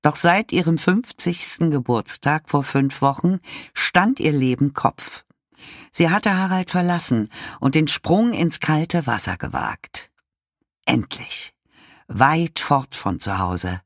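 A man narrating an audiobook in a measured, expressive storytelling manner. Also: a little high, no echo, clean studio sound.

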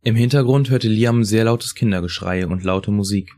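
Low-voiced man reading a story. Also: moderate pace, darkish tone. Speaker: reader. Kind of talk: scripted story narration.

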